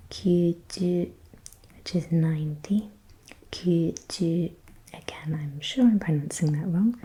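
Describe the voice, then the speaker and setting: A woman whispering softly in ASMR style, slowly repeating words and thinking aloud as she guesses. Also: deep voice, slightly rough, rough recording. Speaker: ASMR creator.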